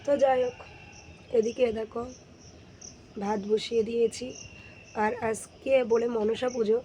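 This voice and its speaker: A young woman, hoarse from a sore throat, chatting to viewers in a casual home vlog. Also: a little high, steady tone, a little slow, a little hiss or hum. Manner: chatty, addresses viewers warmly as friends. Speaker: vlogger. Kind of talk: casual daily-life vlog narration. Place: home kitchen and courtyard.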